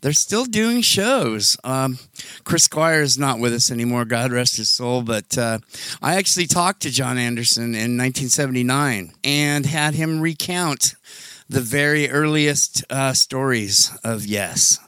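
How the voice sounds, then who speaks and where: A man in his sixties introducing a radio show and telling rock-fan stories with excitable, drawn-out exclamations. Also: medium pitch, clear, resonant tone, dry recording. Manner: excitable, drawn-out "oh yeah" catchphrases. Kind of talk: enthusiastic radio intro and storytelling.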